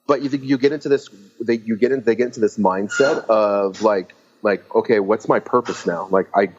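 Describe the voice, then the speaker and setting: This lowish male voice comes through with the highs cut off. Originally from Lebanon and brought up in California, he's a guest on a relaxed fitness-business podcast, firing off quick bursts with restarts and voicing trainers' thoughts aloud.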